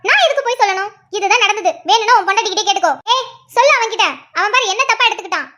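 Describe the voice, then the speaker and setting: A woman's voice: extremely high pitch, pushed and bright. A woman voicing a sly, defensive, scheming aunt in a family cartoon. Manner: sly, self-pitying, quick. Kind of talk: cartoon voice acting.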